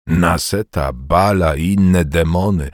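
A man's voice: sits low, slow pace, no echo, clean studio sound. A man reading an audiobook, voicing a bitter, toothless, one-armed old war veteran who speaks with scorn. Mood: scornful. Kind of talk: audiobook character voice.

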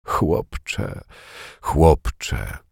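A man's voice: extremely slow, darkish tone, dry recording, studio quality. A man reading an audiobook, voicing a bitter, toothless, one-armed old war veteran who speaks with scorn. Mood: scornful. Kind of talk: audiobook character voice.

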